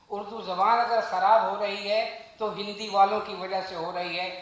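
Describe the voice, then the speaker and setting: A man's voice: high-pitched, a bit bright. Earnest man speaking in an echoey hall. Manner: measured, earnest, rhetorical, recites verse. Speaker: guest speaker at a book launch. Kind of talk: formal speech on language and pronunciation. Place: event hall.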